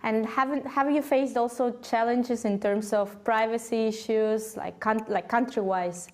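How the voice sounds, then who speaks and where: A woman's voice: a little high, fairly even intonation, unhurried, darkish tone. A woman working as an interviewer, putting questions in a tentative, searching way.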